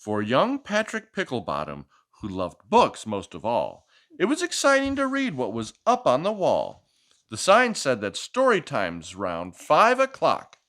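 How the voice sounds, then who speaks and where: Pitched in the middle but swooping wildly, this man's fairly bright voice runs a little slow. He reads a picture book aloud with expression during a kids' storytime, playfully questioning the child and repeating what they say between chatty asides.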